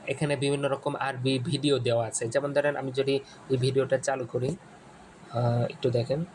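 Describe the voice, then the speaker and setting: A man from Bangladesh walks learners through a course screen by screen, halting often and repeating himself. His voice sits at an ordinary middle pitch. A faint hiss of noise runs under the recording. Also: little pitch movement, darkish tone, low-quality recording. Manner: repetitive, halting, many restarts and fillers. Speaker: Arabic course instructor. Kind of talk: screen-share tutorial walkthrough.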